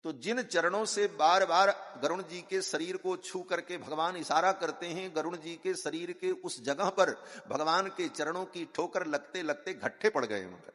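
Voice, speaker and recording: A man's voice: fairly high pitch, unhurried, few pauses, fairly bright tone. A man telling a devotional story as a sermon, chanting Sanskrit verses and calling his listeners Maharaj. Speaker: katha preacher. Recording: long hall reverb.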